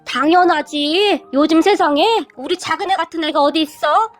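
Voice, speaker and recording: A woman doing a slow offhand old father-in-law. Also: extremely high pitch. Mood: matter-of-fact. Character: older father-in-law, calm and amused.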